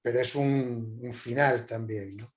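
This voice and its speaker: A man in a casual group discussion, animated and emphatic, often ending with tag questions. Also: medium pitch, measured pace.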